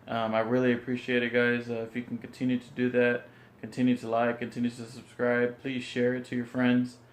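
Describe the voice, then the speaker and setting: A man's voice: mid-range voice, monotone, a little fast. A man hosting a reaction video, subdued and hesitant, with many ums. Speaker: reaction channel host. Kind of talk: casual reaction video intro. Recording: echoey room.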